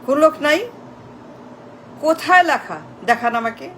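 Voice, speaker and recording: A woman's voice: sits high, moderate pace, a bit bright, slight background noise, low-quality recording. A woman delivering an impassioned political rant, repetitive and mocking, mixing in English phrases. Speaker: political commentator.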